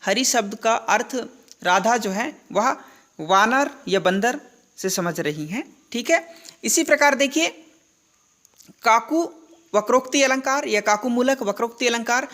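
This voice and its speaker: A woman's voice: a little high, fairly bright tone. A woman teaching a grammar lesson, asking questions and answering them herself, checking in with the class again and again. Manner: checks in often with "thik hai" and "hai na".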